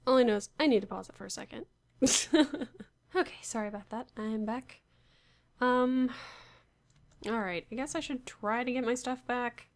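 A woman's voice: fairly high pitch, moderate pace, long pauses. A woman casually talking to herself while playing a block-building game, unsure and wry, muttering about where she is. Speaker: Minecraft player. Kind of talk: casual gameplay commentary.

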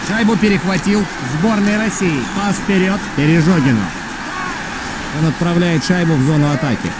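A man doing play-by-play hockey commentary for a sports video game, calling shots and goals excitedly in clipped phrases. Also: sits high, normal speed, heavy background noise.

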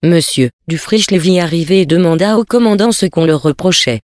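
Measured, grave audiobook narrator, dry close studio sound. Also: mid-range voice, no echo. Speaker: audiobook reader. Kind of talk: scripted narration of a novel.

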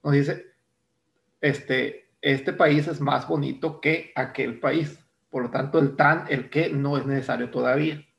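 In a recorded lesson, a male English teacher with a Mexican Spanish accent explains grammar step by step, repeating terms and checking in with "¿no?" as he goes. His mid-range voice is gravelly, steady in tone and unhurried.

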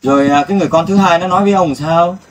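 A man's voice: a little high, rapid-fire, crowd noise. A man interviewing an elderly father and appealing to viewers for help, speaking in a compassionate, soothing way. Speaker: interviewer for a volunteer search team.

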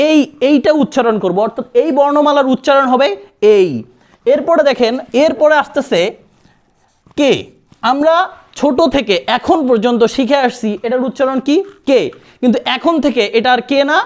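A man teaching spoken English, repeating sounds slowly and drilling pronunciation in a lesson. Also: very high voice. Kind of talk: classroom-style lesson.

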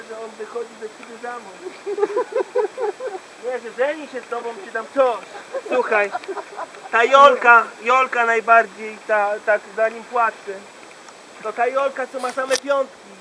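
A man's voice: extremely high pitch, noisy background. A man playing a gossipy, crude woman on the phone in a live comic monologue, rambling with fillers and punning jokes. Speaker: comedian. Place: bachelor party.

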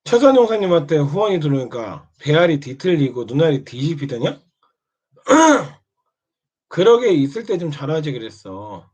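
A man's voice: a little high, big pitch swings, normal speed, darkish tone. A man taunting and scolding another streamer in a mocking monologue, prodding again and again with short questions. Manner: needling, keeps prodding with "eh?". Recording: dull lo-fi sound.

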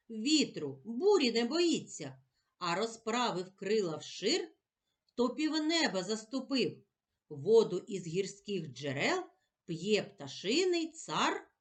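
A woman teacher with a Ukrainian accent giving a children's reading lesson, slowly sounding out letters and syllables. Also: a little high. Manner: slow, clear, sounding out syllables for young children.

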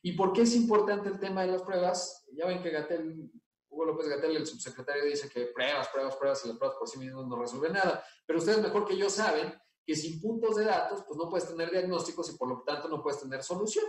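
A middle-aged Mexican man speaking on a webcam at some distance from the mic, his slightly high voice ringing around an echoey room. He talks analytically, with many fillers and asides. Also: brisk. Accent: Mexican Spanish. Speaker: conference speaker. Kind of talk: conference talk over video call. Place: indoor room. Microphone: webcam on video call.

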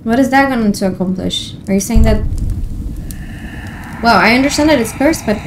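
A woman's voice: a little high, normal speed, background noise. A woman streamer giving casual commentary while playing a horror game, easily startled and talking to herself. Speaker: gameplay streamer.

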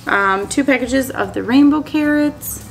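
With faint music behind her, a Minnesota woman in her thirties, a homesteading vlogger from the USA, shows off seed packets in a small dining room at a wooden table. She speaks in a high, gravelly voice without hurrying, chatting casually and cheerfully to the camera with plenty of ums.

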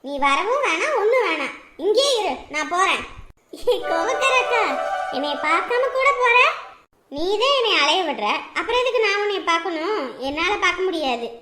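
A high, bright-toned woman's voice carries the warmth of a grieving elder sister from a. She speaks tenderly and pleadingly, her voice set in an echoey room. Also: sing-song, normal speed, slight background noise, full character voice. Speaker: actress in a family drama. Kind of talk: emotional village drama dialogue.

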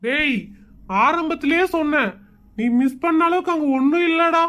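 A man's voice: extremely high pitch, steady tone, moderate pace, lo-fi sound. A man who grumbles sarcastically through comic asides in a sketch. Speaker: comedy sketch performer.

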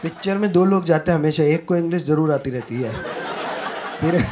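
A young man from Uttar Pradesh doing an animated stand-up comedy set, switching between Hindi and English and acting out the people in his stories, on a comedy club stage with a handheld mic. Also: fairly high pitch, moderate pace. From Uttar Pradesh, India. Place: comedy club stage before a live audience. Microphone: handheld corded mic. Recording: live club recording with audible crowd noise. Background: audience laughter.

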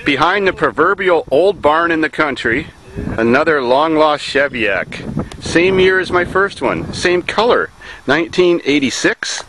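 A man's voice: fairly high pitch, measured pace. Folksy man narrating outdoors. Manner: folksy, joking, running commentary while working. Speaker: car channel host. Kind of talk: casual hands-on vlog narration. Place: outdoors in a grassy farm field. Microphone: handheld camera mic. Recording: camera audio with steady background noise.

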